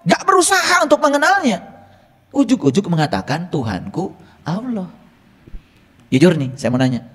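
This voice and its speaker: A man's voice: sits high, very animated, moderate pace, long pauses, fairly bright tone, slightly rough. A male religious teacher gives a teaching lecture, teasing his listeners with rhetorical questions. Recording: long reverb from a hall.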